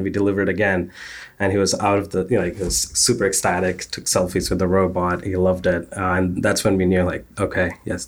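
Founder type, man, low register, earnest and technical, drops "uh" fillers. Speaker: startup founder. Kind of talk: interview answers.

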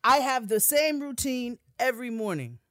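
A woman's voice: a little high, lively intonation, moderate pace, bright, forceful tone, dry recording, studio quality. A young woman, a podcast co-host and student, telling a story in a casual chat with emphatic, profane bursts.

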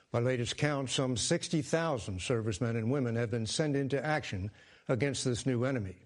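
A man's voice: medium pitch, a little mellow. A man with an American accent delivering a scripted broadcast news report. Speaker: news correspondent.

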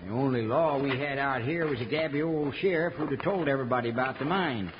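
A man's voice: mid-range voice, fast talker, in a large hall, lightly acted. Old prospector, acted by a man: folksy rural Western drawl, crafty yet sheepish, radio play, noisy dull recording. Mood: confessing. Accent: rural American Western. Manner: drawling, colloquial. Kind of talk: 1950s radio western acting.

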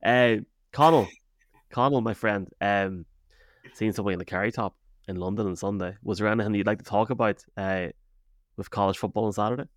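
A man's voice: on the low side, a little fast, no echo, clean studio sound. An Irish man hosting a podcast in casual sports chat, chummy with his guests. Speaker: podcast host.

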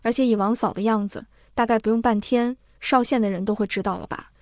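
Woman storyteller, slightly high, dry sound. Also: fairly even intonation, fairly quick, darkish tone, no room sound. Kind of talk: story reading.

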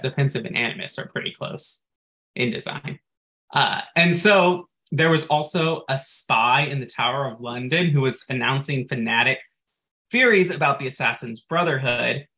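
A man's voice: medium pitch, expressive, moderate pace, pushed and bright. A man co-hosting a podcast in casual chat, recapping game lore at length and dropping in frequent "like" asides. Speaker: podcast co-host.

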